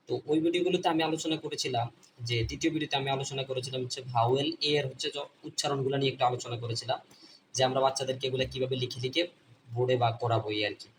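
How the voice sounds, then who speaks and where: A man's voice: medium pitch, distant mic. A man with a Bangladeshi Bengali accent teaching an online phonics lesson, repeating each point and asking and answering his own questions. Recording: voice a bit off-mic, faint background noise.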